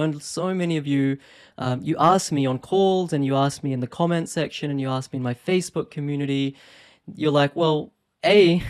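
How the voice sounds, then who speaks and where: Brief: thirties male vlogger, New Zealand-Australian accent, clear resonant voice, chatty and upbeat, talking to a phone camera. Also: mid-range voice. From born in India, raised in New Zealand and Australia. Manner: chatty, upbeat, with small laughs and frequent ums. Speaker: property investment YouTuber. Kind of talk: casual talk to camera.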